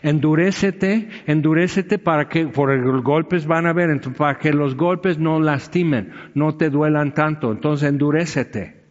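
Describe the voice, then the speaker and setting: A man's voice: on the high side, unhurried. A middle-aged man, a pastor giving a candid, conversational sermon with frequent check-in asides. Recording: dull sound with long hall reverb.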